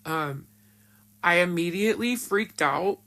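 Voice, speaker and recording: A narrator whose voice is disguised speaks slowly and deliberately. They recount a personal story in a casual, unscripted way. The telling is blunt and frank, with plenty of cursing. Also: mid-range voice, animated, gravelly, bright, forceful tone. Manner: blunt and frank, swears often, emotional retelling. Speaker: storyteller recounting their own past.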